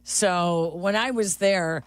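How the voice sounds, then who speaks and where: A woman hosting sports talk radio, bantering in an animated, playfully defensive manner. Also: on the low side, slow, no room sound.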